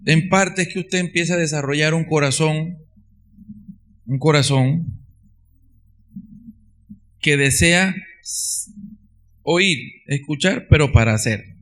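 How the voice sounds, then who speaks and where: Man, preaching, earnest, stresses by repeating, slightly raised pitch. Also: slow pace, pauses often, a bit bright. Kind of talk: sermon.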